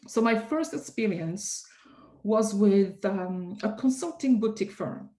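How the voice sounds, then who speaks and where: A woman from Cameroon, giving measured, reflective answers as an interview guest, often pausing with hesitations. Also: mid-range voice, animated, mellow, rough recording. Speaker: compliance consultant, interview guest.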